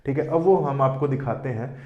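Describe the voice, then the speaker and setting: A man's voice: medium pitch, a little fast, mellow, muffled recording. Echoey man teaching at a board. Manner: asks questions and answers them himself; says "theek hai" often. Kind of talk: board lesson. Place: classroom with board. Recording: echoey room.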